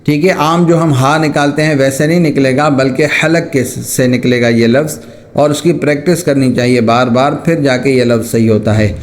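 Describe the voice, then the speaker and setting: A man teaching letter pronunciation, drawing out each drilled syllable slowly between quick spoken explanations. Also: mid-range voice, steady tone. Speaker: tajweed teacher. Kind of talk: recitation lesson.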